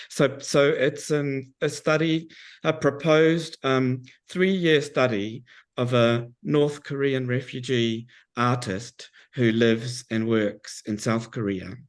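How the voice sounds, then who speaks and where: Hoarse, froggy-voiced man with a cold. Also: mid-range voice. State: losing his voice with a cold, clearing his throat. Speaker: academic researcher. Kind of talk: informal account of work to a group.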